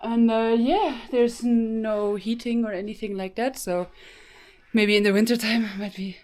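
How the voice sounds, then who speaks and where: A woman's voice: fairly high pitch, fairly even intonation, measured pace, a little mellow. A woman chatting in a travel vlog, out of breath after a long climb, describing a guesthouse room. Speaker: travel vlogger. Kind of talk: casual travel vlog chat.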